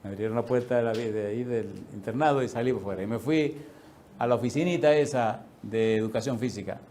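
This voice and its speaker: A middle-aged male pastor preaching a sermon, telling a personal story with lively acted-out dialogue and frequent laughter. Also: mid-range voice, fast, a little hiss or hum. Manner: animated storyteller, acts out dialogue, laughs often.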